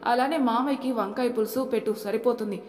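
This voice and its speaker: A woman voicing a bossy, thrifty middle-aged mother-in-law in a brisk, commanding way. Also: a little high, darkish tone, close to an everyday voice. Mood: doting. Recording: echoey room with long reverb.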